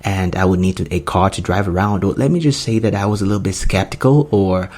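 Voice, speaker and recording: A Nigerian man in his 20s hosts a solo podcast in a low, darkish voice at a brisk clip. He talks earnestly and rambles, using lots of fillers.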